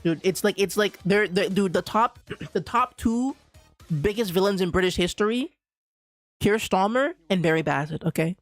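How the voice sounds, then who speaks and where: A young man from Bermuda streaming, ranting in an animated, casual way with lots of laughter. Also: high voice, normal speed, dry recording, faint music behind. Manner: animated ranting, laughs often, says "dude" a lot. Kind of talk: casual livestream chat.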